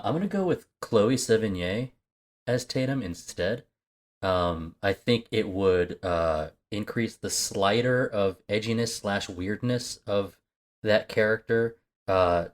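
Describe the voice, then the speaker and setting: A man co-hosting a movie podcast, chatting casually with rambling asides and lots of fillers. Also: fairly low pitch. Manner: rambling, many fillers and restarts. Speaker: podcast co-host. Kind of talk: casual movie-talk chat.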